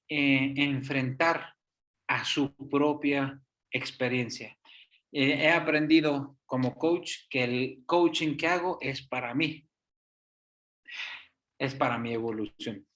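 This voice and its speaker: A man leads an online coaching class. His voice is bright and forceful, a touch high, and he gets animated when he acts out examples. It sounds like a video call. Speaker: coaching instructor.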